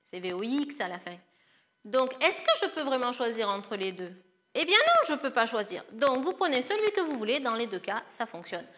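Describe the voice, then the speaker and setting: A woman's voice: fairly high pitch, very animated, a little fast, a bit bright, slight background noise. A woman who teaches primary school, patiently walking young pupils through a grammar lesson step by step. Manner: patient, explains step by step, calls pupils "les loulous".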